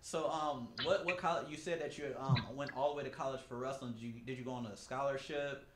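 A man in his forties hosts a relaxed interview into a desk mic, upbeat and chatty, often restarting his questions. His voice sits mid-range and rings around a small, echoey studio. A clear layer of background noise sits under him. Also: mid-range voice, fast talker. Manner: upbeat, repeats himself, many fillers. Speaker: podcast host. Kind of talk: casual interview. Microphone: desk mic on a stand.

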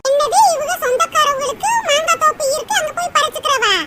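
A voice actor playing an excitable, bossy village woman in a cartoon, with a Tirunelveli Tamil accent. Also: very high voice, fast talker, a little hiss or hum. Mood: amazed. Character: excitable village older sister figure.

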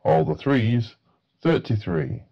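A man's voice: mid-range voice, takes it slowly, gravelly, lo-fi sound. A man working as a bingo caller, announcing numbers in set phrases with a matter-of-fact delivery.

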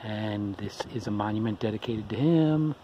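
A man's voice: on the low side, moderate pace, dark tone, dull audio. A middle-aged man vlogging while hiking a long trail, talking in a rambling, casual way with plenty of ums and uhs. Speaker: thru-hiker vlogger. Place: outdoors on a forest trail. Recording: outdoor noise behind the voice.

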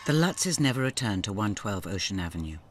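Male documentary narrator, measured and ominous, with music swelling under him. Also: fairly low pitch, big pitch swings. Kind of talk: scripted narration.

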